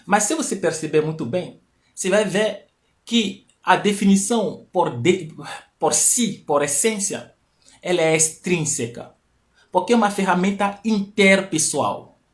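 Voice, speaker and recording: With a high-pitched, animated voice at a measured pace, a man teaches on his live stream, using a stream mic. His style is explanatory, with key phrases repeated and emphatic rising peaks, and Portuguese isn't his first language.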